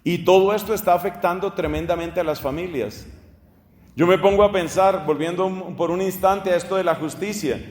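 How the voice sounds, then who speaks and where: High-voiced preacher in an echoey hall. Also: male voice, normal speed. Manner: earnest, rhetorical questions, spells out names. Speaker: priest preacher. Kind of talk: teaching sermon.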